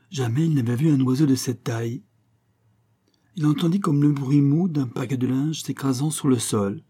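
A man reading a story aloud in a measured, literary way. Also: fairly low pitch, dark tone, husky. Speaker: narrator.

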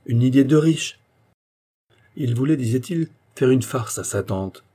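A stout fairground showman, boastful and jovial, as a narrator puts him on in a storybook reading. He is pitched higher and louder than the narrator, with a husky, mellow tone. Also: lively intonation, unhurried.

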